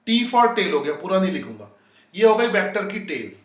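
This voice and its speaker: A man's voice: high voice, big pitch swings, moderate pace, fairly bright tone, roomy sound, recorded from a distance. A man teaching a physics lesson live. He talks to his students casually and breaks off to read their comments. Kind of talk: live online lecture.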